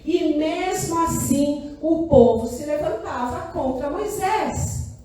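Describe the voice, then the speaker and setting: A high-pitched woman pastor preaches with lively repetition, checking in with her congregation again and again. Her voice rings through a very echoey church room. She sounds distant from the microphone, with faint noise underneath. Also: slow pace. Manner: animated, asks the congregation "Amém?" often; emphatic repetition of short phrases. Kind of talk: sermon. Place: church hall.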